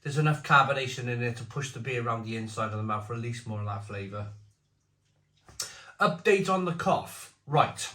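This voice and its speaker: A British man with a chesty cough gives a casual, halting review, often repeating phrases as he muses. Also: medium pitch, animated, pushed and bright. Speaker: beer reviewer. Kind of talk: casual spoken review to camera. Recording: echoey room.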